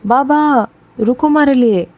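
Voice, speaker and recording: A woman's voice: medium pitch, moderate pace, dark tone, natural voice. A woman voicing a stubborn, hot-tempered young village boy with a pleading manner. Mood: anxious. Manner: pleading, tearful and breathless at times.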